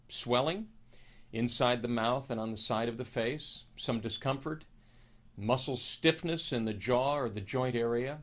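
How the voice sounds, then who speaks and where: A man plays a middle-aged oral surgeon in an educational video. He explains in a calm, formal, measured way, as scripted narration at an average male pitch. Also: natural voice. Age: 50s.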